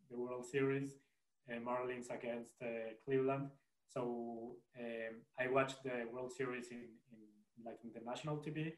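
Halting podcast guest, man from Mexico City, roomy echo on the voice. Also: mid-range voice. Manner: hesitant, halting speech. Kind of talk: casual podcast chat.

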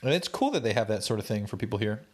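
Young male vlogger, lower-pitched voice, congested and worn out, easygoing rambling recap. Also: lively intonation, very fast, breathy edge. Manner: laid-back, rambling, slangy. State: stuffed up, congested nose; tired. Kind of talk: casual day-recap vlog.

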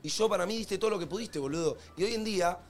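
A young man with an Argentine accent, co-hosting a casual chat show in an animated, slangy way that often repeats itself. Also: high-pitched, fast talker, a little hiss or hum. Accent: Argentine Spanish. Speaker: podcast co-host.

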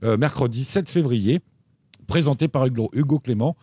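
A man co-hosting a casual chat show about TV and streaming picks, talking in an animated way with lively jumps in pitch. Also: moderate pace, slightly rough, dry recording, clean studio sound. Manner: animated, lively pitch swings, frequent restarts. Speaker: co-host recommending TV shows.

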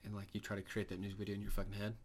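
A man's voice: on the low side, monotone, racing. A young man co-hosting a podcast, chatting in a rambling, profane way. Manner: profane, rambling, bursts into loud laughing voices. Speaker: podcast co-host. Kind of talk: casual chat.

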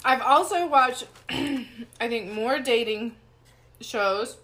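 A woman's voice: on the high side, takes it slowly, a bit bright. A woman co-hosting a casual chat over a meal, self-deprecating and prone to giggles. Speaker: co-host. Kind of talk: casual chat while eating.

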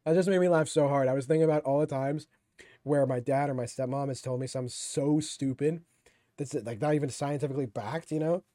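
A man's voice: mid-range voice, steady tone, a little fast, mellow, no echo, studio quality. A young man hosting a casual podcast, answering listener questions in a rambling, giggly way that keeps cutting himself off. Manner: rambling, giggly, self-interrupting. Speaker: podcast host.

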